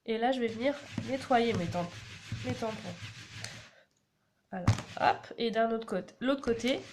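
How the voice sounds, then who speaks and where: A woman's voice: a little high, measured pace. A woman, chatting through a card-making tutorial and explaining each step as she works. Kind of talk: casual crafting tutorial. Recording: audible background noise.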